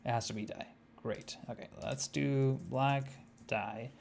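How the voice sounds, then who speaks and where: A young Argentine man, speaking with an Argentine Spanish accent, casually chats with viewers while streaming a game live, thinking aloud with plenty of fillers. His medium-pitched voice is steady, measured and darkish with vocal fry, and there's slight background noise.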